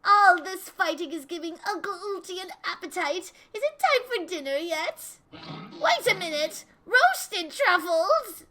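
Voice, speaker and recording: A woman voicing a greedy, excitable octopus buffoon from a video game in a squeaky cartoon manner. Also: a little slow, heavily acted.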